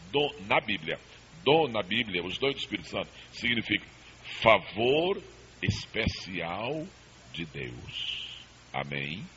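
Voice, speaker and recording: A man's voice: mid-range voice, bright, forceful tone, highs cut off. Preaching man on worn, hissy old tape. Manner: emphatic, calls for amens and repeated answers. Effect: worn old tape copy with hiss. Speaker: pastor teaching a Bible seminar. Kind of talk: preaching Bible study to a congregation.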